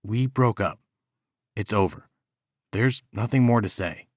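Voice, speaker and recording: A man's voice: fairly low pitch, unhurried, darkish tone, dry recording, clean studio sound. A male audiobook narrator voicing a weary, fed-up teenage boy who speaks bluntly.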